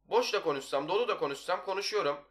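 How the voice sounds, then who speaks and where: Bright-voiced, chatty young man. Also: high voice, lively intonation, fast. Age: young adult. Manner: chatty, talks nonstop. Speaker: YouTuber, gaming video host. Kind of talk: casual gameplay commentary. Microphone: desktop microphone.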